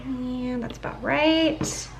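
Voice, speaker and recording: High-voiced woman with a slight lisp. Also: slow pace, gravelly, noisy background. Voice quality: slight lisp from dental aligners. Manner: chatty, addresses viewers as guys, many fillers like 'like'. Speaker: cooking vlogger. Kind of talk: casual kitchen vlog chat.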